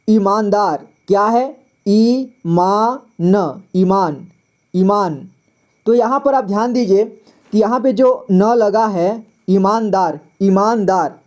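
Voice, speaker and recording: A man teaching a reading lesson step by step, patiently sounding out words slowly and repeating them syllable by syllable. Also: sits high, warm tone.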